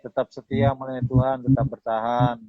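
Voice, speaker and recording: A male pastor from Manado preaches at a middle pitch, mixing his own story with scripture and speaking directly to the congregation. The sound is dull and lo-fi, with almost no room around the voice. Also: flat delivery, a little fast, dry recording. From Manado, Indonesia. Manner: addresses listeners as "Saudara", acts out dialogue. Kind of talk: sermon with testimony and closing prayer.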